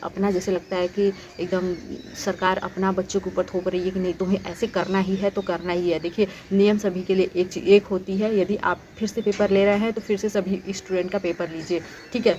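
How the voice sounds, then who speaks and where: A woman's voice: medium pitch, little pitch movement, a little fast, few pauses, a little mellow, dull audio, a little hiss or hum. A woman talking straight to her viewers with earnest, pleading commentary, full of fillers and restarts. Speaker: YouTube commentator on exams. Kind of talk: direct-to-camera commentary.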